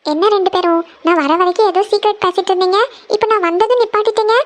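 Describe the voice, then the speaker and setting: A woman's voice: extremely high pitch, fairly even intonation, fast, no room sound. A woman voicing a nosy cartoon schoolgirl sister. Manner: prying, insistent questioning. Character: curious schoolgirl little sister, nosy and teasing. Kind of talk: cartoon voice acting.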